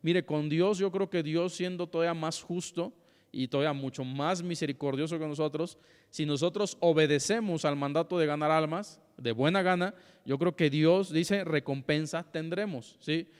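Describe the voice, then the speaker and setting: Reverberant preacher teaching brothers. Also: male voice, on the high side, normal speed, smooth. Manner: conversational, often asks "¿sí?" and addresses "hermanos". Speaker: Bible class teacher. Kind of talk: church Bible lesson. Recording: long hall reverb.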